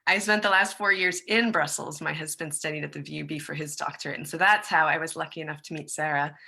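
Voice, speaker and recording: American woman presenting on a zoom call, chatty and friendly, bright ringing voice, kinda low pitched. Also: fairly even intonation, quick pace, creaky, slightly rough. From United States. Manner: friendly, chatty, loose with fillers. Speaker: presenter, musician and songwriter. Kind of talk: conference presentation. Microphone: video call.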